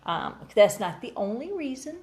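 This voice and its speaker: A woman talks in a bright, exclamatory way, her pitch swinging up and down as she chats with her partner. She sounds lively and openly excited, breaking into laughter. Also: moderate pace. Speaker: co-host, pageant contestant. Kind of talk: casual couple's chat.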